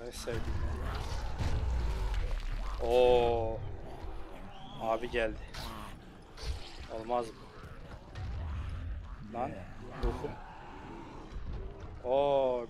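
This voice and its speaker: A man giving let's play commentary as a gaming streamer, cursing and yelling at enemies. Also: medium pitch, noisy background. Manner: swears and yells at enemies.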